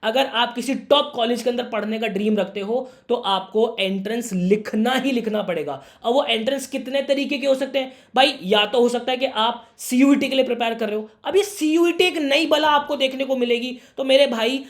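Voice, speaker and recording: Slightly hoarse young man giving earnest advice. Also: very high-pitched, normal speed, few pauses. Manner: earnest, brotherly, keeps calling the viewer "my brother". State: slightly hoarse from a sore throat. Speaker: career guidance YouTuber. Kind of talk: direct-to-camera advice talk for students.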